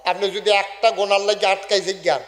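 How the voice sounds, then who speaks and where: A man gives a humorous sermon, quizzing and teasing the crowd in call-and-response, shouting some words and singing others. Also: high voice, flat delivery, normal speed, big-room sound. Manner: shouts key words, sings some phrases. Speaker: Islamic preacher. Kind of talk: humorous sermon at a religious gathering. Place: large religious gathering over loudspeakers.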